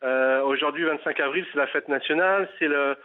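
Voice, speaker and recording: A man's voice: a little high, fairly quick. A man from Paris calling in to a radio show, talking hesitantly with many fillers and restarts. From Paris, France. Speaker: caller. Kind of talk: phone interview. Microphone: telephone. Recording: tinny phone line.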